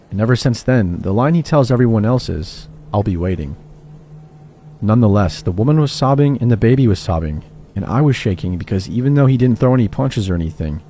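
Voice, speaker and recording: A man giving a steady, scripted first-person narration of a true horror story. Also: lowish voice, a little hiss or hum.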